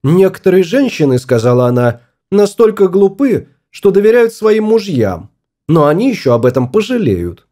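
A sharp-tongued young wife aboard a small spaceship, as a male reader puts her on, her voice lifted high and swinging widely as she scolds. The tone stays soft and mellow underneath, a storybook spouse who snaps back at every word. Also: big pitch swings, moderate pace. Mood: angry.

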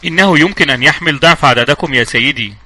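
A man voicing a calm, weathered male sailor with a Devon accent who speaks quietly. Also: fairly high pitch, quick pace, no echo.

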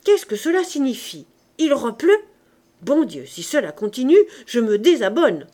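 A woman voicing a cheeky, brash street boy in a storybook reading, talking loudly and jauntily in a raised voice. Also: lively intonation, measured pace. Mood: cocky. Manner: loud, jaunty, raised pitch.

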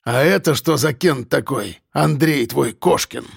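A man's voice: medium pitch, measured pace, gravelly, slightly rough, dry recording, full character voice. Sneering criminal boss, mocking and crude, a male reader doing it, dry close read. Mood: menacing. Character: menacing gang boss, older man, sneering.

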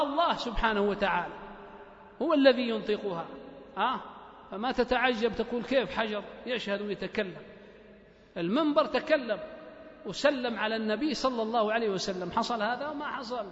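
High-voiced Libyan man preaching in an echoing mosque. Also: lively intonation, fairly quick, fairly bright tone. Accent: Libyan Arabic. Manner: rhetorical, repeats phrases and asks the listeners "ha?". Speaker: mosque lecturer. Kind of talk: religious lecture. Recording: echoey hall, slightly dull lo-fi recording.

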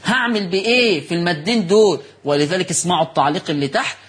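A man with an Egyptian accent hosting a broadcast recitation lesson. He asks his listeners questions, answers them himself, and reads notes slowly with stress on key words. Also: high-pitched, a bit bright. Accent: Egyptian Arabic. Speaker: Quran recitation teacher and TV host.

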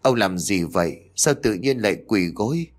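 A man's voice: fairly low pitch, animated, moderate pace. A man voicing a grieving middle-aged mother who talks through sobs in a spoken ghost story. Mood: reproachful. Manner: sobbing, lamenting.

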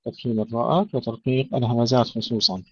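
A man's voice: medium pitch, steady tone, fairly bright tone, breathy edge, no room sound. Man teaching Quran recitation rules, dry lo-fi. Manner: slow melodic Quran recitation alternating with quick explanatory remarks. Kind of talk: tajweed lesson, recitation then explanation.

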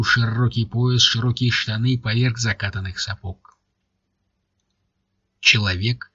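A male audiobook narrator with a husky, strained edge to his tone, telling the story in an even manner. The recording is dry and a little dull, like lo-fi audio. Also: on the low side, no room sound.

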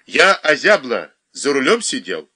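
A man reading aloud, voicing a rough older local man who speaks in broken, ungrammatical sentences. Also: medium pitch, sing-song, a little slow, bright, forceful tone, full character voice. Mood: coaxing. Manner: ungrammatical, pleading.

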